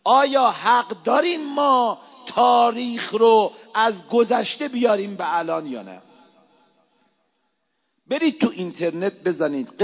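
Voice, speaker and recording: Male preacher, impassioned sermon, high voice, hushed asides and loud exhortations, muffled lo-fi recording. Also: slightly rough. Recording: reverberant hall, dull lo-fi sound.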